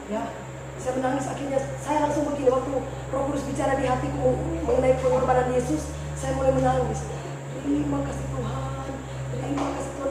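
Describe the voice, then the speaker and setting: Woman pastor preaching loud, big echoey hall, lots of noise. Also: high-pitched. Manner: fervent, swinging from shouts to soft tearful tones. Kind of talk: sermon. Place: church. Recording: echoey church hall, mic far off, noisy.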